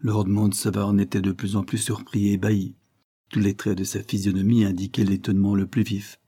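Low, husky male audiobook narrator. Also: little pitch movement, brisk, mellow. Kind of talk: scripted narration of a classic novel.

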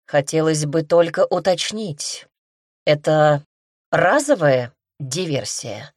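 A woman reading the lines of a composed, teasing man who mentors his pupil, with a calm, wry, gently mocking manner. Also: low voice, slow pace, no room sound, clean studio sound, heavily acted.

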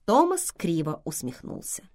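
A woman's voice: fairly low pitch, huge pitch swings, moderate pace, darkish tone. A woman narrating a novel aloud, voicing each character expressively.

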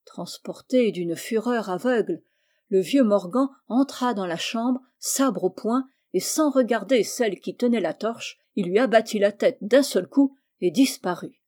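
A woman storyteller reads a fairy tale aloud at a measured, expressive pace. Her voice is mellow and dark, sitting at a middle pitch.

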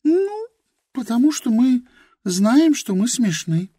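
A timid, childlike young girl, played by a woman in an audiobook reading, her voice a little high, mellow and breathy. She speaks slowly, soft and pleading. The recording is close and dry. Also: very animated, no echo, full character voice. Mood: plaintive.

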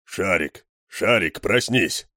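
A gruff armed man talks in a low, plain way, as the male reader voices him. His tone stays gently teasing. The reading is close and dry. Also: slow, no room sound, full character voice. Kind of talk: audiobook reading.

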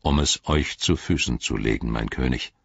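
A man voices a young warrior marshal, low and respectful, kneeling before his king. The voice is slow and husky. The recording is dull and lo-fi. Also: no room sound, full character voice. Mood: devoted. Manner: clear, respectful.

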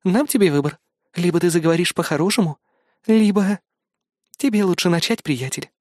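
A man's voice: high voice, a little fast, a little mellow, dry recording, studio quality, voice pushed up, natural voice. A man doing a cheerful ruthless young woman. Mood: menacing. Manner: cheery yet menacing.

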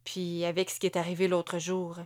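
A woman's voice: fairly low pitch, completely flat delivery, moderate pace, close to an everyday voice. A woman voicing a blunt, shaken woman who has just lost her job, speaking in clipped, terse sentences. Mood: flat, shaken. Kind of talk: audiobook character voice.

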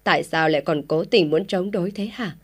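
A woman reading aloud puts on an enraged old village father in a storybook tale. He scolds in quick, harsh bursts, and the voice sits fairly low. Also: close to an everyday voice. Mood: furious scolding.

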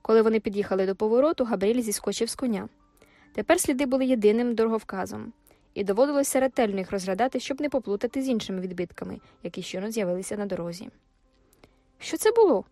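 A woman's voice: mid-range voice, dark tone, dry recording, faint music behind. Woman narrating a classic novel. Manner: measured storytelling. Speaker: audiobook narrator. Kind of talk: scripted narration.

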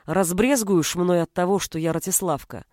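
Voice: medium pitch, normal speed, a little mellow, no room sound, clean studio sound, close to an everyday voice. A reader voicing a proud, hurt young peasant woman who speaks indignantly and coldly, in an audiobook. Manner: indignant, cold. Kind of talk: audiobook character reading.

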